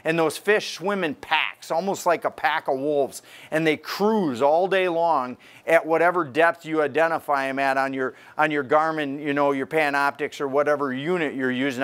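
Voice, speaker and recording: Upbeat older man giving fishing tips. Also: fairly high pitch. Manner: energetic, gestures while talking to camera. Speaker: fishing report host. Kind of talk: enthusiastic fishing report. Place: fishing tackle store, indoors.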